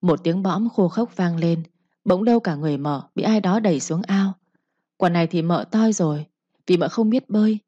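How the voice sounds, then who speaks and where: Low, husky woman narrator. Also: normal speed, dark tone, no room sound. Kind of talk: scripted storybook narration. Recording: dull, lo-fi, dry.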